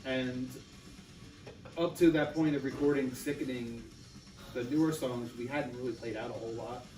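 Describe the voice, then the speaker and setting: Brief: male band member, measured explanations, off-mic, faint music. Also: medium pitch, a little mellow, echoey room, recorded from a distance, rough recording. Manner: explanatory, thoughtful. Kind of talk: casual interview.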